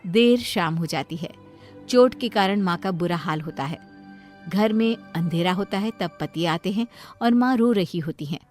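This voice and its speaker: A woman narrating a cartoon story in a plain, even storytelling manner. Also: fairly low pitch, moderate pace, faint music behind.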